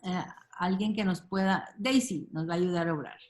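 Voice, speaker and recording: A woman leading a casual group Bible study over a video call, speaking slowly and warmly with frequent fillers. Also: fairly low pitch. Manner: warm, unhurried, many fillers like "este" and "ujú".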